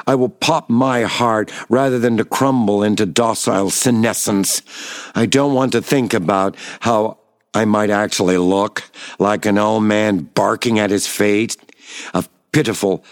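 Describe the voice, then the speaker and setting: A man in his seventies giving a dramatic first-person reading of his memoir, blunt and profane, swinging between hushed low tones and raised outbursts. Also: dry recording, studio quality. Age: 70s. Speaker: memoir reader.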